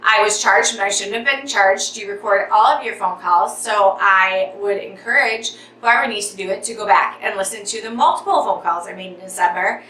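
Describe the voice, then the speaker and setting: Animated young woman venting in echoey room. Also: mid-range voice, moderate pace, hardly any pauses, far from the mic, a little hiss or hum. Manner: talks with her hands, getting worked up and out of breath. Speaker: vlogger. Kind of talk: animated storytime vlog. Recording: echoey room, voice a bit off-mic.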